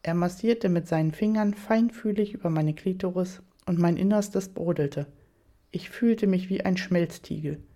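A woman narrating a first-person erotic story in a measured, breathy reading. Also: lowish voice, dark tone. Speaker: audiobook narrator.

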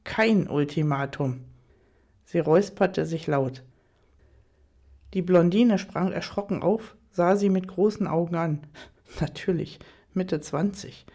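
A woman narrating an audiobook story in an even, measured way. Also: lowish voice.

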